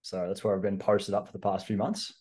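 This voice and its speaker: A man's voice: fairly low pitch, fairly quick, husky. A young Australian man, a strength coach and podcast regular, chatting casually and easily with plenty of ums. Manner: relaxed, easygoing, with frequent ums.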